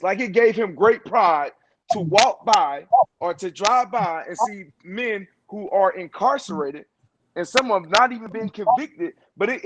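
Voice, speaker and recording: Male panelist, high voice, blunt and heated. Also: low-quality recording. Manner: blunt and fired up. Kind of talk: virtual panel discussion. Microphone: video call.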